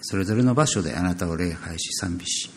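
A man's voice: deep voice, brisk, gravelly, slight background noise. A man reading scripture and then leading a prayer in a solemn, earnest manner.

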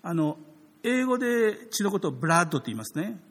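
Pastor, male, slightly husky, friendly sermon delivery with many asides to the congregation. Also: high voice, big pitch swings, fairly quick, a bit bright, big-room sound. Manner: conversational, addresses the audience with frequent tag questions.

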